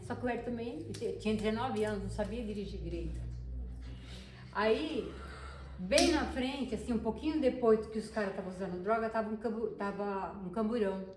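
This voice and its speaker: Woman, casual storyteller, chatty, a bit high-pitched, echoey room, background noise. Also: darkish tone. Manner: chatty, with restarts and acted quotes. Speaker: participant sharing a story. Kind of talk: casual anecdote in a group talk.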